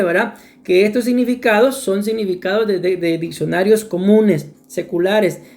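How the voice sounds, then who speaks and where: In a church, a woman with a medium-pitched, somewhat mellow voice preaches a sermon. She is earnest and repetitive, frequently turning to address the congregation directly as "my beloved brethren."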